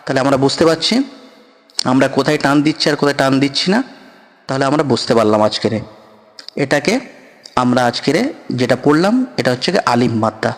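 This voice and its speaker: A man's voice: medium pitch, quick pace, long pauses. A man teaching Quran reading step by step, patiently repeating syllables and often checking that his students understand. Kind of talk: step-by-step recitation lesson. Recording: long echoing reverb.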